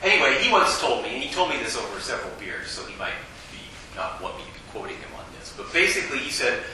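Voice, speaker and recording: A man giving a casual, joking classroom lecture at a fast clip, recorded in a lecture hall. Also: medium pitch, big pitch swings, noisy background. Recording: echoey hall, distant mic.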